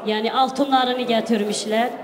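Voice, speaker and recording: Wedding mc lady, highish voice, festive n exclamatory, mixes languages, echoey hall w crowd. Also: fairly even intonation, normal speed. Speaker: host of a wedding celebration. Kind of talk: live event announcing, calling guests up and urging applause. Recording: echoey reverberant hall, crowd noise behind.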